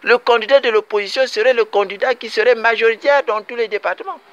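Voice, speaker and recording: A man's voice: very high voice, steady tone, fast talker, a bit bright, dull audio. A man from Congo-Brazzaville giving an emphatic political commentary monologue, repeating his points and addressing his compatriots directly.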